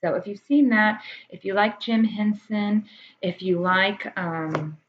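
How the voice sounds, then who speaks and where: Mid-range in pitch and slow, an American woman casually explains things to camera in the manner of a teacher showing off books, pausing and thinking out loud. The audio is dull and muffled, and background room noise comes through.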